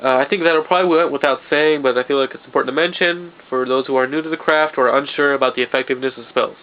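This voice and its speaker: Talking fast in a mid-range voice with fairly even intonation, a congested young man delivers a casual vlog monologue, loose and full of restarted sentences. The recording is dull lo-fi home video, faintly hissing.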